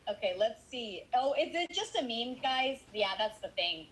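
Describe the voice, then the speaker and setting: A woman from Colombia, a voice actress chatting casually in an interview, playful and animated. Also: fairly high pitch, normal speed, slight background noise, rough recording. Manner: playful, animated, quotes lines in character voices. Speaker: voice actress guest.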